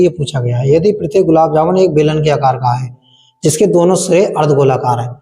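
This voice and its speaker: Warm and on the high side, a male maths teacher's voice carries through long hall reverb. He solves board-exam problems in steps, chants times tables, and asks the class questions he then answers himself.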